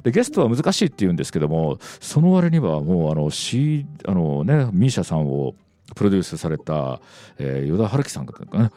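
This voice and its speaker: A man with a low, lively voice hosts a relaxed radio interview. His mellow delivery wanders and halts, dotted with little interjections to himself. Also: brisk, no echo. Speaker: radio DJ host. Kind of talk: casual radio interview chat.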